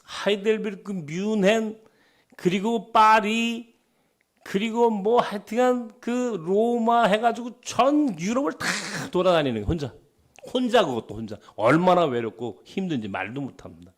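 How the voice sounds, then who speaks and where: Speaking at normal speed in a high-pitched voice, a middle-aged Korean man delivers a sermon as pastor, his speech lightly flavored by Chungcheong dialect. He tells animated stories, performs conversations, and sometimes lowers to a whisper.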